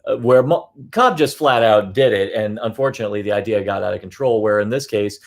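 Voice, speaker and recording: Male co-host, gravelly, rambling film talk with frequent restarts. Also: on the low side, fairly quick. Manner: rambling, restarts sentences, animated. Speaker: podcast co-host. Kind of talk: casual film discussion.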